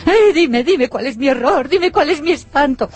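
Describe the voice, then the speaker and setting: A woman voicing Truth as a naive, tearful young woman who pleads in high wails. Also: lively intonation, normal speed, faint music behind. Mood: pleading.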